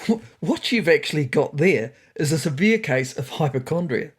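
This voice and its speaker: A woman voicing an opinionated male stranger who lectures in a brusque, unsympathetic way, with a breathy voice. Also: low voice, animated, normal speed. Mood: dismissive. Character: blunt know-it-all male stranger.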